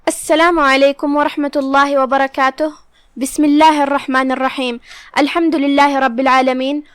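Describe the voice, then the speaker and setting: Female recitation teacher, high voice, careful and measured, dry close sound. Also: dry recording. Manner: careful, measured explanation of pronunciation rules. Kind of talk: recitation lesson.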